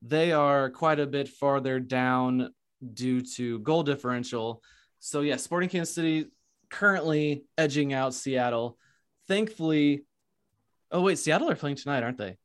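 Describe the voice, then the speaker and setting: A man's voice: medium pitch, unhurried, smooth. A man hosting a sports podcast in casual chat who jokes and laughs often. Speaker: podcast host.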